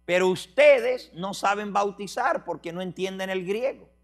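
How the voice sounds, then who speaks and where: A man's voice: high-pitched, measured pace, voice pushed up. A man quoting an amused female tour guide who explains patiently, as if to a child. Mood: explaining.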